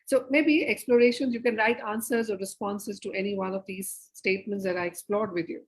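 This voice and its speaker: A woman's voice: mid-range voice, fairly quick, low-quality recording. A woman facilitating an interactive online theatre workshop, coaxing her audience to take part. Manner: lively, coaxing audience participation. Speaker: theatre educator and presenter. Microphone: video call.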